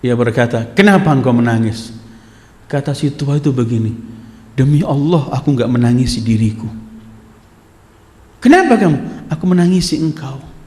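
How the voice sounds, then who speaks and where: A man's voice: mid-range voice, lively intonation, moderate pace, long pauses. Man preaching in an echoey hall. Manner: acts out dialogue, swings from loud to hushed. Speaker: religious teacher. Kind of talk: sermon with told story.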